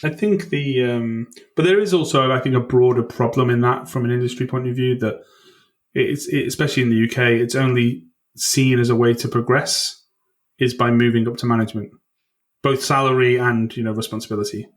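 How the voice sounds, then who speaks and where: A podcast guest with a steady, medium-pitched voice talks fairly quickly in a casual interview, coming across as thoughtful and self-deprecating, often restarting his sentences hesitantly.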